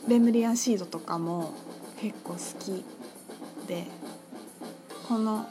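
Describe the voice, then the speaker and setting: A woman talking casually on her own about her crystal shop, chatty and full of fillers, lively when she quotes others. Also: mid-range voice, unhurried. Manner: chatty, filler-heavy, animated quoting. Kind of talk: casual solo talk. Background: music.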